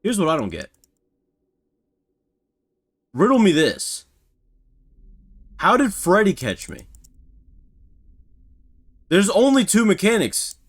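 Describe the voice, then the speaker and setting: Excitable man with jumpy lively pitch. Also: takes it slowly, pauses often. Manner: excitable, yelps and shouts when startled; self-mocking, rambling chatter. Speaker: gaming YouTuber. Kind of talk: casual let's-play commentary.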